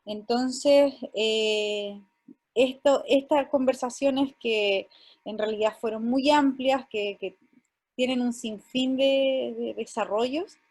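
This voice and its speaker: A woman from Chile moderates an online panel on a video call. Her voice sits fairly high, and she speaks haltingly, often restarting with fillers. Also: steady tone, a little mellow. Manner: hesitant, many fillers and restarts.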